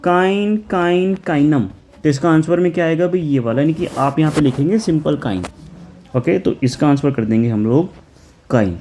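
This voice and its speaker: Mellow-voiced man teaching German exam prep. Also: fairly high pitch, moderate pace, slight background noise. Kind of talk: exam prep lesson explaining answers.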